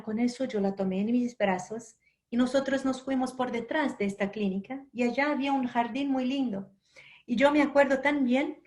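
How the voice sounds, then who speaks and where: Gentle, slightly high-voiced woman lecturer. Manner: gentle, unhurried storytelling with soft asides. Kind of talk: spiritual lecture with personal storytelling.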